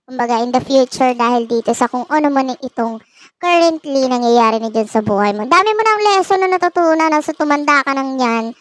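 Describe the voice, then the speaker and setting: Woman reading tarot, high voice, jokey and teasing, laughs a lot, dry sound. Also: fairly quick, no room sound. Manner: playful, teasing, laughs often. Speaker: tarot reader and channel host.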